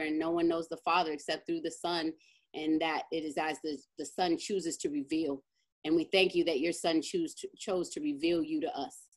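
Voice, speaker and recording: Woman pastor preaching over a video call, lowish voice, keeps saying right?. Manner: emphatic, keeps asking "right?", fervent in prayer. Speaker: pastor leading a teaching and discussion. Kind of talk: informal teaching then spoken prayer.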